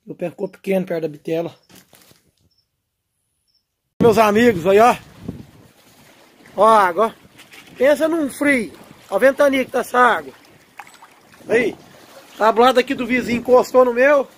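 A man, narrating a fishing vlog from a windy platform on the water and excitedly calling out to his viewers. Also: extremely high pitch, normal speed, long pauses. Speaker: fishing vlogger. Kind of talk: casual outdoor fishing vlog.

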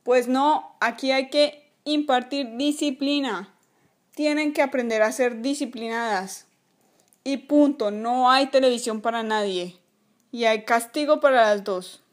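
A woman voicing a loud strict toy dad. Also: on the high side, normal speed, lightly acted. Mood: stern. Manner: barking orders, scolding. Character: strict bossy toy father, stern. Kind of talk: toy play acting.

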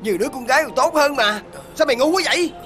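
A woman's voice: medium pitch, expressive, fairly bright tone, faint music behind, lightly acted. An actress playing a blunt young woman who scolds a drunk friend. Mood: exasperated. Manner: fast, exasperated scolding.

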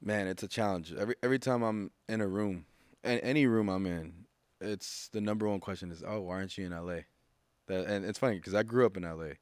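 A man's voice: low voice, quick pace, dry recording. A man in his thirties, a music producer guest on a studio podcast, talking casually with restarts and acted-out quotes. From United States. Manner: laid-back, rambling with restarts and acted-out quotes. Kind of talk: casual interview chat. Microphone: studio mic with headphones.

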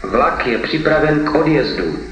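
A man delivers formal railway station announcements at a medium pitch, in measured, segmented phrases. His voice carries through a large echoey hall with long reverb. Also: expressive, a bit bright.

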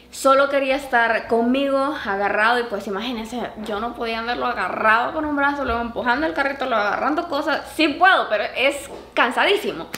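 A woman vlogger and mother telling a story casually to her viewers, animated, with a higher pitch whenever she acts out what others said. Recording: echoey room with faint background noise.

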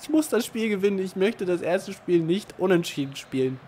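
A man commentating his own football video game match, excitable, swinging from low muttering to shouting. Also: moderate pace, a little hiss or hum. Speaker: gaming commentator. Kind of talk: live Let's Play commentary.

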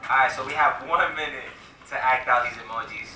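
A young man playing a charades game in a video clip, upbeat and hurried in casual chat. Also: mid-range voice. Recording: roomy, distant clip audio under music.

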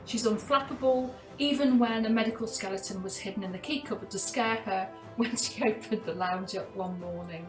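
A middle-aged woman reads award citations at a steady, scripted pace. Her voice sits at an ordinary pitch and echoes in a roomy home attic. Soft music plays under her. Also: moderate pace, few pauses. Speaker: awards presenter. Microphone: video call. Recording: roomy video call audio with music.

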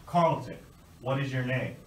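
A man's voice: medium pitch, unhurried, lightly acted. A young man playing a stern, bossy drill sergeant who barks curt commands at recruits in an amateur comedy skit. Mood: stern, barking. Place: school classrooms, restroom and stairwell. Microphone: far camera. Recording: echoey room, distant camera mic, faint noise.

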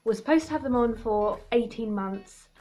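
A woman in her late teens chatting excitedly to camera, speaking with braces on, rambling a little. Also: on the high side, moderate pace. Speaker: vlogger. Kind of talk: casual chat to camera.

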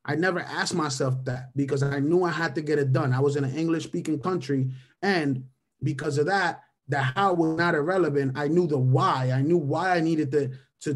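This motivational mentoring webinar comes from a man in his thirties, a native Spanish speaker from Venezuela, who sits on the high side in pitch. Speaking on a video call through a webcam or headset, he keeps repeating key phrases. Almost every point finishes with a questioning "right?" as he checks in with his audience.

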